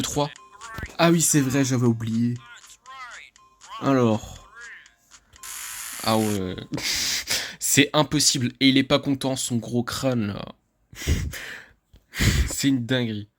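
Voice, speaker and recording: Chatty French gaming YouTuber, mid-pitched. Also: male voice, takes it slowly, long pauses, faint music behind. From France. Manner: excitable, chatty, laughs often, swears casually. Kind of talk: casual let's-play commentary.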